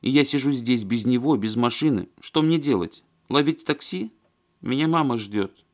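Reading an audiobook, a man voices a fussy, flustered woman who chatters and complains in a plaintive, agitated way. He speaks at medium pitch and moderate pace, pitched above his own voice yet close to an everyday one.

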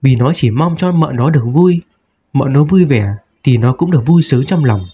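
A man reading a short story aloud in a calm storytelling manner. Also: medium pitch, moderate pace, slightly rough. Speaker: story reader. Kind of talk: audiobook narration. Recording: dull lo-fi recording.

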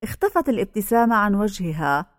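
A woman narrating a novel as an audiobook in an even, steady reading voice. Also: medium pitch, fast, dry recording, studio quality.

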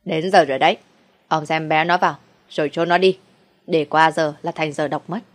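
A woman's voice: fairly low pitch, fairly even intonation, brisk, a bit bright. A woman storyteller voicing a cruel, bossy older village woman who scolds harshly. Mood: commanding.

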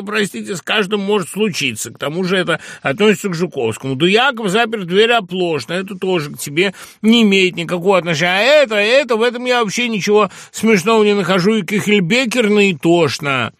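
Man putting on a high, exasperated young peacemaker. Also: expressive, fairly quick, few pauses, dry recording, clean studio sound. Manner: loud, high-pitched, exasperated pleading. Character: agitated young man pleading with duelling friends.

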